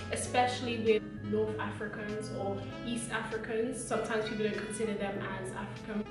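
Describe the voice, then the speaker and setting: A woman hosting a casual group discussion in an upbeat, chatty way. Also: medium pitch. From Britain. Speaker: host. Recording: echoey room, distant mic, music behind.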